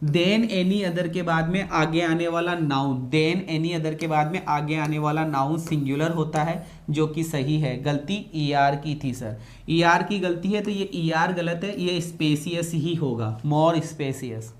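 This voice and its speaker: A man's voice: fairly high pitch, steady tone, a little slow. Man teaching English grammar. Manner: repeats key phrases, quizzes students with questions. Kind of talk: classroom grammar lecture.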